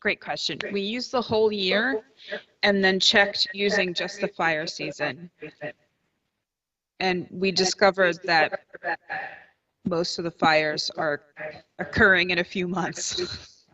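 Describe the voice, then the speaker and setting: A woman's voice: fairly low pitch, fairly even intonation, takes it slowly, long pauses, sharp tone. Woman presenting over a muffled call. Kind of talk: presenting research in a webinar. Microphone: video call. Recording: muffled distant video call audio.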